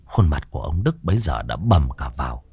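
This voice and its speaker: A man narrating a horror story in a dramatic, expressive way. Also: rumbling low, fairly quick, creaky, breathy edge, no room sound, clean studio sound.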